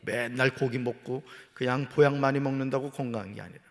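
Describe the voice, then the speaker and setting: A man preaching as a pastor, swinging between hushed, quiet asides and loud, rising exhortations, and calling on the congregation to repeat after him. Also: mid-range voice, steady tone, brisk, gravelly. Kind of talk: sermon. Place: church sanctuary. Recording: long church hall reverb.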